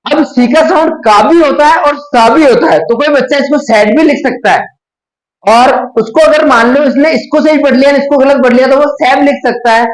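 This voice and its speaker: Man slowly sounding out phonics. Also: very high-pitched, reverberant, rough recording. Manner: explains step by step, sounding out letters slowly. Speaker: teacher. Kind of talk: phonics lesson walkthrough.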